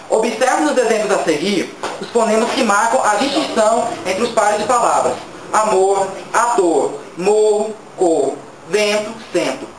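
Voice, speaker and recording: A student presenter reading a prepared grammar presentation aloud in a steady manner. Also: medium pitch. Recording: echoey room with clear background noise.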